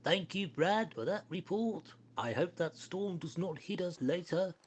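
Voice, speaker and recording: A man's voice: high-pitched, animated, a little slow, slight background noise. A man playing a wry news anchor on a spoof evening news show. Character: smirking male news anchor.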